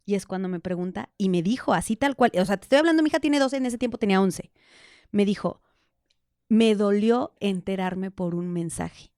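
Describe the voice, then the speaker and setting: A woman, a podcast guest telling candid personal stories in an animated way, acting out the dialogue. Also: medium pitch, quick pace, no room sound, studio quality. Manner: animated, laughs often, acts out quoted dialogue. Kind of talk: candid conversational storytelling.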